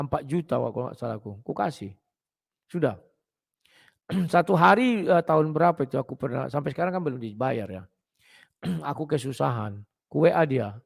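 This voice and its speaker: Man, high voice, blunt casual preaching, frequent throat-clearing. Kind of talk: casual preaching talk to viewers.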